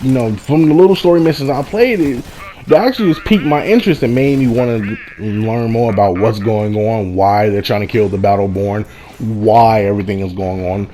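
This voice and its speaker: A man with a dark, lowish voice talks briskly, with background noise behind him. He gives a casual first-impressions game review, repeating and rephrasing himself for emphasis.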